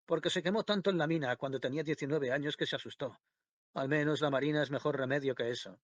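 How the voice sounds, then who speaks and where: A man's voice: fairly high pitch, quick pace, no echo, dull audio, natural voice. A man voicing a harsh, insulting invalid mother in an audiobook.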